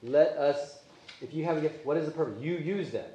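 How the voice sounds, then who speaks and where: A man whose first language is Polish speaks a little fast in a slightly high, mellow voice while teaching a Sunday school Bible class. He's conversational and keeps asking the class questions, and the church classroom is echoey.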